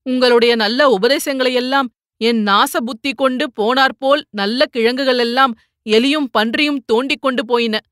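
A woman's voice: high voice, normal speed, a bit bright, no echo, studio quality, voice pushed up. A woman voicing a remorseful young man who pleads tearfully for forgiveness, in an audiobook reading.

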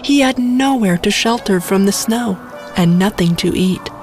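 A woman's voice: medium pitch, measured pace, a little mellow, soft background music. A woman narrating a scripted bedtime story for children.

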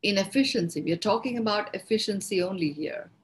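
A woman's voice: mid-range voice, rough recording. Woman, Indian accent, podcast host, mid-range voice, reflective teaching tone, restarts words as she thinks. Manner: unhurried, repeats and restarts words while searching for phrasing. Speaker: podcast host and speaker on personal growth.

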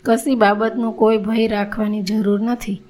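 A woman voicing a calm, gently wise young male disciple who speaks reassuringly in a storybook tale. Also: medium pitch, a little slow, slight background noise, natural voice.

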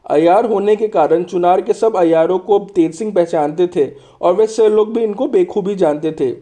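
High-pitched male storyteller, softly mellow. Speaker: audiobook narrator and host. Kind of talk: scripted story narration.

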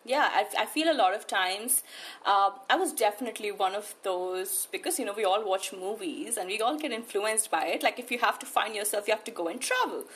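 A woman's voice: medium pitch, brisk, fairly bright tone. A woman from India with an urban New Delhi accent, reflecting on her own life in an interview, earnest and emphatic, often repeating words for emphasis. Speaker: interview guest, spiritual coach. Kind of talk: conversational interview, personal reflection.

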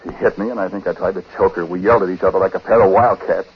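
An actor playing a troubled, uneasy husband who narrates in a hesitant, conversational way in a 1940s radio drama. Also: male voice, low-pitched, steady tone, rapid-fire, natural voice. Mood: agitated recounting. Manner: hesitant, conversational, breaking off and repeating words. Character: troubled husband, uneasy, recounting his own story. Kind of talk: 1940s radio acting, first-person confessional narration. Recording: muffled, noisy 1940s radio recording.

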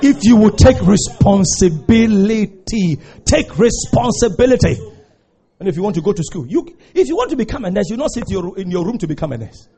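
A pastor preaching a sermon, urging and repeating himself, breaking into shouts. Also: male voice, sits high, big pitch swings, quick pace. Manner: exhortative preaching, repeating phrases, bursts of shouting.

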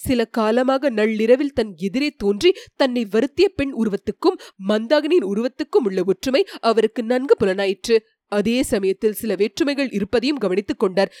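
A woman reads a historical novel aloud with a lively, rising and falling delivery in a slightly high voice. The sound is dry and close, with no room echo. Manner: formal, expressive storytelling. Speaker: narrator. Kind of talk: audiobook narration of a historical novel.

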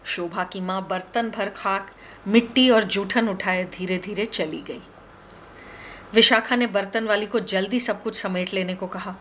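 A woman narrating a short story in an expressive, measured reading. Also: medium pitch, slight background noise.

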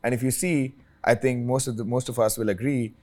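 A man's voice: medium pitch, fairly even intonation, a little fast, a little mellow. A man with an Indian accent speaking conversationally as an expert interview guest, emphatic and repeating his points with checking tags. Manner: emphatic, repeats phrases, often tags "right?".

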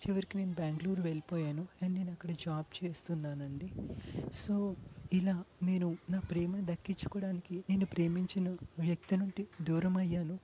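Earnest young woman with a mellow voice. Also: on the low side, slight background noise. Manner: earnest, heartfelt, confessional; mixes English words into her speech. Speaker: storyteller. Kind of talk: first-person personal story narration.

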